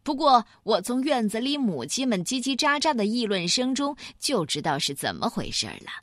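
A woman voicing a tall male rooster who drawls slowly and sarcastically. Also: a little high, very animated, a bit bright, no echo, studio quality. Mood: mocking.

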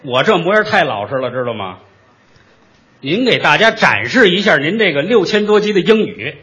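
Teasing bright-voiced crosstalk straight man. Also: fairly high pitch, sing-song, slightly rough. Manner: teasing, quick comebacks, wry puns. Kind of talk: crosstalk comedy routine.

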